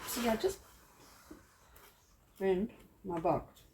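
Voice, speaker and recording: A woman's voice: medium pitch, extremely slow, dark tone, slight background noise. A young woman from South Africa, chatting casually and rambling a little as she works at her craft desk, poking fun at herself as she goes. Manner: chatty, rambling, self-deprecating. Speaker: craft vlogger. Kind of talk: casual crafting tutorial chat.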